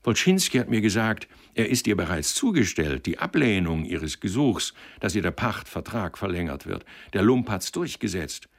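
A man's voice: on the low side, very animated, normal speed, hardly any pauses. A male reader voicing a concerned, well-meaning older man who speaks earnestly. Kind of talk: audiobook character reading.

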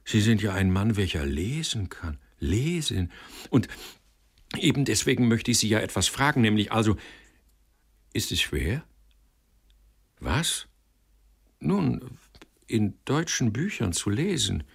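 A poor young apprentice lad in a storybook reading, pleading and chattering with eager, swooping pitch, as a male narrator puts him on. He wheedles timidly and talks on and on. The voice is low and husky. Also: sing-song, slow pace, pauses often, heavily acted.

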